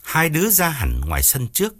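A man narrating an audiobook story in a steady storytelling manner. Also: fairly high pitch, fairly quick. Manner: steady storytelling, voices each character.

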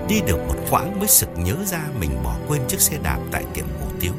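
A man narrating an audiobook story in a steady storytelling manner. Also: low voice, a little fast, loud music behind the voice. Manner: steady storytelling, voices each character.

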